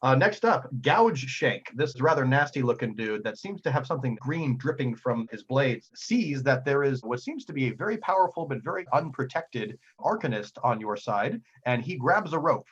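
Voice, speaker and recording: A man narrating a tabletop role-playing game as game master, animated and excitable, with frequent ums and uhs. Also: medium pitch, moderate pace, few pauses, breathy edge, dull audio.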